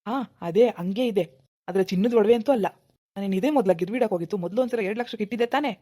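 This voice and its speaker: A woman voicing an angry village husband in a cartoon, accusing and threatening in a fast, dark voice. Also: medium pitch, natural voice. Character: furious village husband, middle-aged man. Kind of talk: cartoon voice acting.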